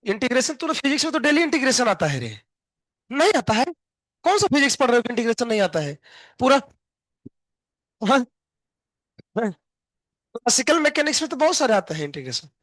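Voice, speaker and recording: A man's voice: very high-pitched, very animated, a little fast, pauses often, a bit bright, no room sound, low-quality recording. Chatty male teacher, dry sound. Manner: chatty, teasing students, mixes English terms. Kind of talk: live online class lecture.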